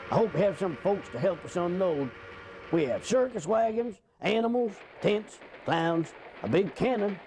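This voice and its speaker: Folksy engineer, a man voicing him: cheerful and lively, with faint noise behind. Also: high-pitched, low-quality recording. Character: friendly train engineer. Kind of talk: radio chatter.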